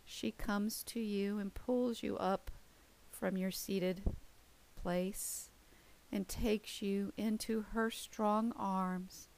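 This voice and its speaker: A woman with a mid-range voice narrates a guided visualization. She speaks very slowly and deliberately, leaving space between short phrases. Her delivery is gentle and soothing, as a meditation leader. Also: mid-range voice, poor audio.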